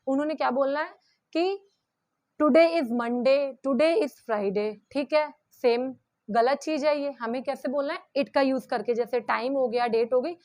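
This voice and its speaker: A young Indian woman with a high voice and an Indian accent teaches English grammar. She explains patiently, reads each example sentence slowly and deliberately, and keeps checking in with her students. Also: darkish tone. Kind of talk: spoken grammar lesson.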